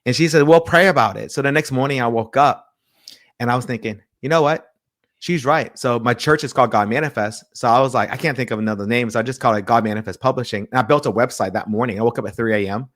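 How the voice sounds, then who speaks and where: A man's voice: mid-range voice, fast talker. Pastor, male, guest in a casual interview, storytelling with lots of quoted back-and-forth, stumbles and restarts. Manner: animated retelling with quoted dialogue and frequent restarts.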